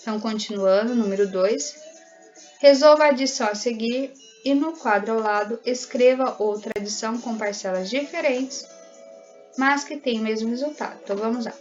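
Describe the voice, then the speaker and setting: Patient Brazilian schoolteacher, lo-fi. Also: female voice, on the high side, normal speed, a little mellow, soft background music. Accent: Brazilian Portuguese. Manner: patient, explains step by step and often checks in with "né?" and "certo?". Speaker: primary school teacher. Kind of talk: recorded remote lesson, correcting exercises.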